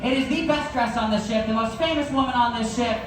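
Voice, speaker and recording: A woman's voice: on the high side, a little fast, recorded from a distance. A woman hosting a live stage event, rallying the audience to cheer and repeat after her. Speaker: event host warming up an audience. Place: indoor theatre on a cruise ship. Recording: very echoey theatre, loud crowd, noisy.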